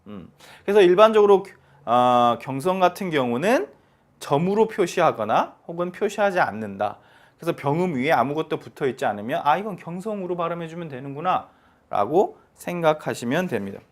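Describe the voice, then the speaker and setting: 텔레비전 중국어 강좌에서 성조를 힘주어 설명하며 소리를 직접 시범으로 보여 주는 남성 강사. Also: male voice, a little fast. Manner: animated, emphatic, sings pitch demonstrations. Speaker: Chinese language teacher. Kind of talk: televised language lesson.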